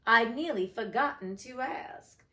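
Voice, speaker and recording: A woman voicing a mad, teasing storybook cat with drawn-out, emphatic phrasing. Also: on the high side, sharp tone, pitched above the performer's own voice. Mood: casual, curious. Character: grinning mad Cheshire Cat, playful, teasing riddler.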